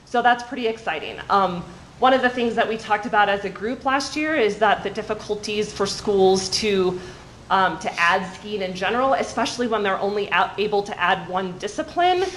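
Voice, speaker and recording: A woman from a state athletic association staff gives a friendly, informative meeting presentation, full of ums, to coaches and athletic directors seated in a large room. Her medium-pitched voice has lively intonation, a moderate pace and a fairly bright tone. A far camera at the back of the room captured it, so the audio is poor with slight background noise.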